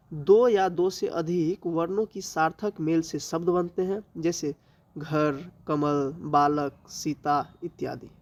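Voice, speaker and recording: A male teacher with a Bihari accent giving an exam-prep grammar lesson, listing items slowly and answering his own questions. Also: a little high, a little mellow. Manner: slow, drawn-out listing with rhetorical questions he answers himself.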